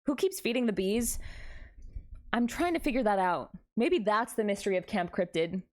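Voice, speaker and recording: A woman's voice: medium pitch, expressive, normal speed. A woman hosting a casual livestream, chatting playfully back and forth with her viewers. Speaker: variety streamer, VTuber host.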